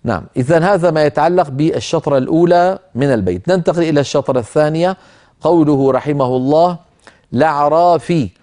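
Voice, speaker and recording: Middle-aged guy teaching quran reading, slightly high voice, mellow tone, calm and measured. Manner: measured, explanatory, chants verses slowly. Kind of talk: lecture on a tajweed poem.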